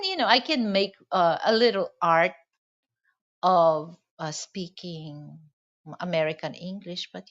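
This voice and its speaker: A Filipino woman, a native Hiligaynon speaker with a Filipino accent, rambles casually through a vlog monologue peppered with "you know." Her mid-range voice is a bit bright and the sound is lo-fi.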